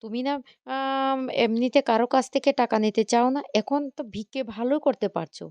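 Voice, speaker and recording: A woman voicing an angry, bullying older father who scolds and shouts with contempt. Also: a little high, steady tone, brisk, clear, resonant tone, no echo, voice pushed up, natural voice. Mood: angry scolding.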